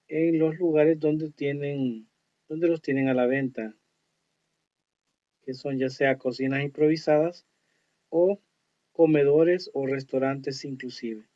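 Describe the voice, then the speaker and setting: A man teaching an online English lesson, explaining slowly and reading English words with care. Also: on the high side, fairly even intonation. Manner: slow, explanatory, reads English words carefully. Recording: dull lo-fi audio.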